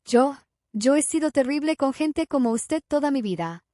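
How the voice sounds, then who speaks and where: Woman reads a hoarse, weak, ashamed old man in a storybook; high voice. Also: expressive, moderate pace, warm tone, no room sound, clean studio sound. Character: weak, ashamed older wealthy man in hospital bed.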